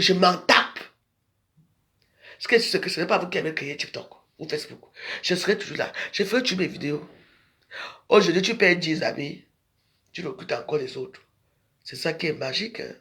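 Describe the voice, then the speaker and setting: Brief: high-pitched man, video rant, scolding and confrontational, rambling delivery. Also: bright, forceful tone. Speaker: social media video maker. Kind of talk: ranting monologue to followers.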